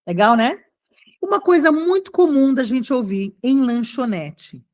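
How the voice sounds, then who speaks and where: A middle-aged woman teaching an English lesson in a chatty, encouraging way, slowing down to model phrases. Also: sits high, expressive. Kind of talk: casual online English lesson.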